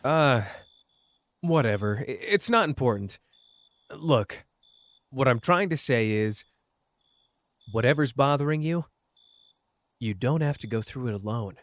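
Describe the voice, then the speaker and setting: Acting out an intimate roleplay, a man portrays a cocky young sorcerer who is playfully teasing yet tender toward his partner. His medium-pitched natural voice is expressive and measured, with frequent pauses and no echo. Informal in manner, he comes across as awkward and sincere, growing hesitant when discussing emotions.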